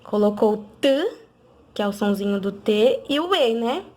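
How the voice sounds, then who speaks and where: A woman, a literacy teacher, patiently sounding out letters slowly and clearly in an instructional video for parents. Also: mid-range voice, expressive, darkish tone.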